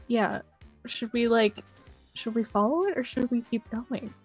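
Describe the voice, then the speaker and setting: Higher-pitched woman role-playing casually. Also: a little slow, a little mellow, husky, faint music behind. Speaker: tabletop game player. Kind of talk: casual improvised role-play.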